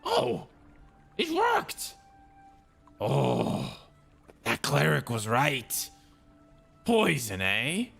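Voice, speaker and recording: A man voicing a gullible male goblin boss in a tabletop game, with a squeaky, strained high voice. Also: huge pitch swings, extremely slow, creaky, pauses often, a bit bright, breathy edge, faint music behind, exaggerated voice. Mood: surprised.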